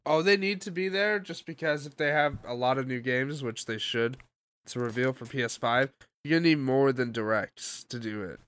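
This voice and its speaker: Smooth-voiced male podcast co-host. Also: medium pitch, moderate pace, fairly bright tone. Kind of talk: casual podcast chat.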